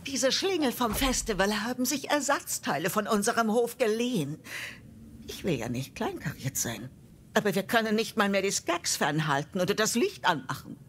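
A woman's voice: mid-range voice, lively intonation, moderate pace, a little hiss or hum, natural voice. A woman voicing a sweet, folksy old farm woman in a video game, homely and politely scolding. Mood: sweetly indignant. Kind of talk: video game voice acting, German dub.

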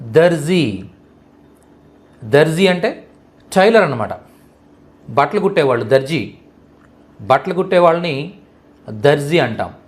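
A man teaching Hindi vocabulary, slowly repeating each word and checking that the listener understands. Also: mid-range voice. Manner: slow, repetitive, checks understanding with questions. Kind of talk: vocabulary lesson explained in Telugu.

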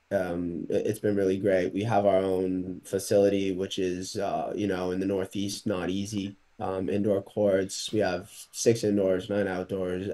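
A young adult man from Portugal who plays college tennis answers interview questions over a video call through a laptop mic. His voice sits on the low side, and he sounds relaxed and hesitant, pausing often.

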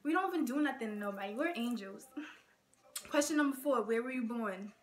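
A woman's voice: fairly high pitch, lively intonation, fairly quick, soft background music. A young woman from Nigeria, chatting casually to camera in a rambling get-to-know-me video, full of "like" and "okay". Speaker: vlogger. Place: indoors in front of a plain gray backdrop.

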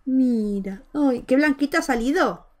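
A woman's voice: high voice, expressive, measured pace. A woman from giving chatty, affectionate gameplay commentary as a Let's Play host, cooing over a baby character with many exclamations.

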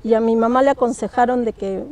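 A woman's voice: on the high side, steady tone, quick pace, darkish tone. A middle-aged woman telling a personal ghost story, emotional and hesitant, often repeating her words. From Peru. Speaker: guest storyteller. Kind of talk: personal paranormal testimony.

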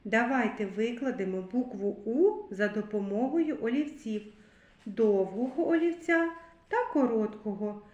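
Woman, kindergarten teacher, slow careful speech, roomy echo. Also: on the high side, a little mellow, lo-fi sound. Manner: slow, clearly sounding out words. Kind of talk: recorded literacy lesson for young children.

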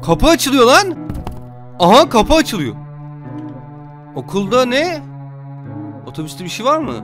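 A man giving loud, jokey commentary while playing a video game. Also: very high-pitched, very animated, unhurried, music in the background. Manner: loud, jokey, yelping reactions. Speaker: gamer streamer. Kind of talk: excited gameplay commentary.

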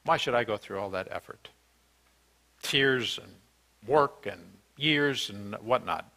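On a rough recording, an older American man preaches slowly in a church sanctuary, his voice fairly low-pitched with a sharp tone. The sermon is earnest and questioning, with hesitant fillers and restarts.

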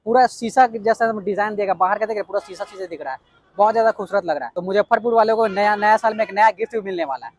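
Racing through his words in a high voice, a Bihari man vlogs outdoors on a construction site, with no room sound on the recording. He sounds hyped and eager, repeating key points and tossing in "yes indeed" often.

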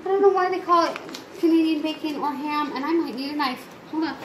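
Chatty mom in an echoey kitchen. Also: female voice, high-pitched, quick pace. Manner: chatty, instructive, talks to viewers. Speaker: mom cooking on camera. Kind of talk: casual cooking demonstration. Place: home kitchen. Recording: echoey kitchen with loud background noise. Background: child crying, household noise.

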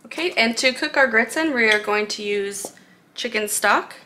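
Against a noisy background, a woman with a fairly high voice explains a recipe step by step at a normal speed. She's a cooking vlogger in her home kitchen, chatting casually and laughing from time to time.

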